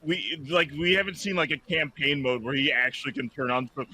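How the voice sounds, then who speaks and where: A man's voice: a little high, brisk, sharp tone, a little hiss or hum, poor audio. A man hosting a casual reaction chat, rambling with lots of "like" and restarts. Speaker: podcast host.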